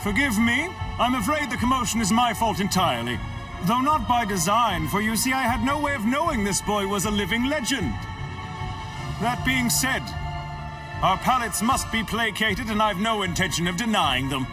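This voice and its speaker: A refined, sinister anime gentleman, silky and courtly. His florid, smug delivery runs high and swoops theatrically over loud music. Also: animated, moderate pace, distant mic. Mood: grand, persuasive. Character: flamboyant, refined, sinister gourmand gentleman, smugly obsessive. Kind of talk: anime dub acting.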